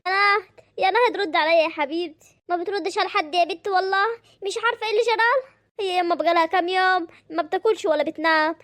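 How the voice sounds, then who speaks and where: A woman plays a fretful middle-aged village mother with an Egyptian accent, her voice very high and her words quick. She pleads and frets over her family, and the sound is dry and close. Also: fairly even intonation, a bit bright, no echo. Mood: worried. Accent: Egyptian Arabic. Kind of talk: amateur drama voice acting.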